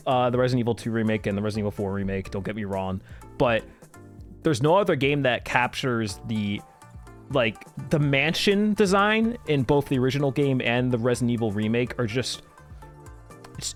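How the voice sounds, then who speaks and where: Male streamer, casual and enthusiastic live commentary, mid-pitched voice, loose swearing, soft music underneath. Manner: enthusiastic, profane, laughs while talking.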